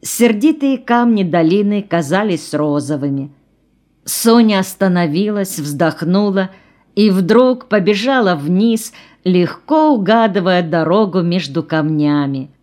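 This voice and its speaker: A woman with a mid-range voice narrates an audiobook, reading a script in a calm, measured manner.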